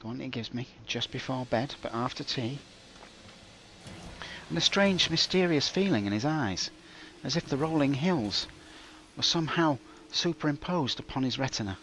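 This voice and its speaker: A man's voice: medium pitch, lively intonation, normal speed, fairly bright tone, slight background noise, pitched above the performer's own voice, rough recording. Man as a wistful, melodramatic son reminiscing. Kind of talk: mock-literary narration.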